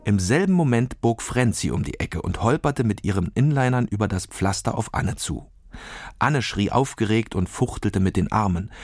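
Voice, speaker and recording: A man calmly reading a children's story aloud as narrator, in an even storytelling manner. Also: fairly low pitch, moderate pace. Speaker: audiobook narrator.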